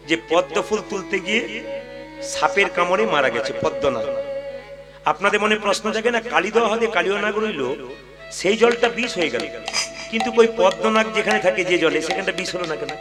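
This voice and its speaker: High-voiced man preaching with music behind. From West Bengal. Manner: animated, quizzes the audience, acts out voices in stories. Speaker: kirtan preacher. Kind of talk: devotional sermon with storytelling. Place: live religious gathering.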